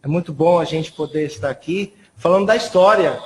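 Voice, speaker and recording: Male guest historian from São Paulo, fairly high voice, soft measured explainer. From São Paulo, Brazil. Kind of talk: TV interview guest. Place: TV studio.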